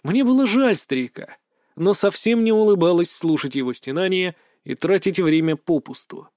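Male audiobook reader, fairly high voice, dry close sound, brisk gruff edge. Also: lively intonation, darkish tone, no echo. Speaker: audiobook narrator. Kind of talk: first-person fantasy audiobook narration.

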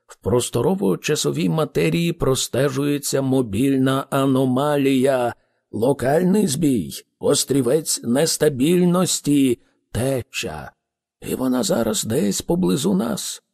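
A man reading an audiobook, voicing an excitable man who explains things insistently and with exasperation. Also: medium pitch, unhurried, gravelly, big-room sound. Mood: explaining. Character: impatient, excitable alien man, Ford. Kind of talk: audiobook character voice.

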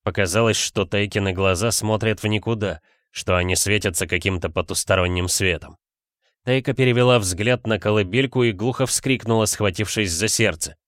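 A man reading a novel as an audiobook narrator, with a steady, even storytelling delivery. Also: on the low side, moderate pace, dry recording, studio quality. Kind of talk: scripted narration.

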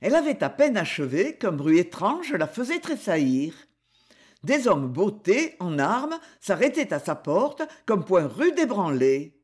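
A woman narrating an audiobook in a measured, expressive reading style. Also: medium pitch, slightly rough.

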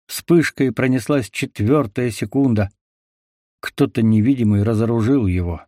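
A man narrating an action audiobook in a steady, measured way. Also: fairly low pitch, dry recording, studio quality.

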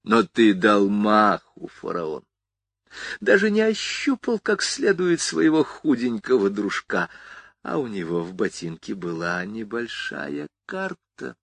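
A man's voice: lowish voice, sing-song, takes it slowly, vocal fry, fairly bright tone, dry recording, heavily acted. Man doing a sneering young gunwoman. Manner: taunting, mocking gangster slang. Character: tough young woman gunwoman, sneering and threatening.

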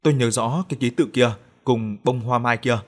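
A man reading a first-person horror story aloud as an audiobook narrator, in a calm, steady way. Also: mid-range voice, moderate pace.

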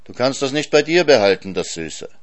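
A man's voice: mid-range voice, big pitch swings, brisk, dry recording, voice pushed up, natural voice. A man voicing a sly teasing hare. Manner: teasing, coaxing. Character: sly trickster hare in a folk tale.

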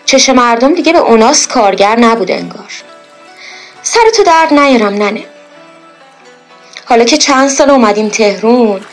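In a low-quality recording of a period radio drama, a woman with a slightly high, natural voice plays a proud, fretful middle-aged village mother who is folksy and lamenting. The character, a khan's daughter born in the village, both dotes and scolds.

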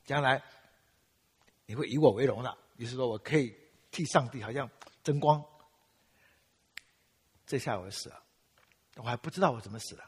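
A man's voice: mid-range voice, moderate pace, pauses often, husky, long reverb tail. An older man from Taiwan preaching, telling his own story with self-mocking humor and acting out his past prayers. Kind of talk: sermon with personal testimony.

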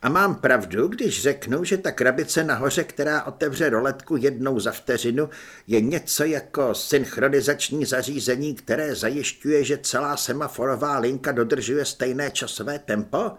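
A man voicing a keen, clever young soldier in an audiobook, explaining his ideas eagerly and quickly. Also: medium pitch, a bit bright, lightly acted. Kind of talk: audiobook character voice.

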